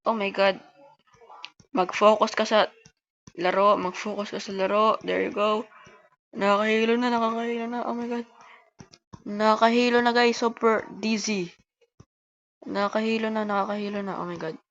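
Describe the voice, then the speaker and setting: A woman who talks fast, giving casual gameplay commentary and chatting to her viewers as host of a gaming channel. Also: medium pitch, little pitch movement, fairly bright tone, lo-fi sound, slight background noise. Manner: fast-talking.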